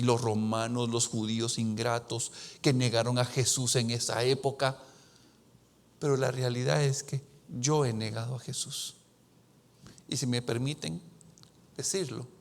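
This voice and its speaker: A male pastor delivers a sermon in a church. His voice sits a little high and has a gravelly, creaky texture. He slows down on key words and swings between loud and hushed delivery. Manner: preaching with dramatic shifts in loudness; slows down for emphasis.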